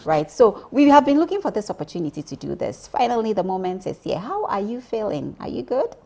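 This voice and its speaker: A woman's voice: mid-range voice, big pitch swings, brisk, gravelly, dark tone. A woman hosting a TV interview show, effusive and enthusiastic, with frequent ums. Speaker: TV show host. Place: TV studio.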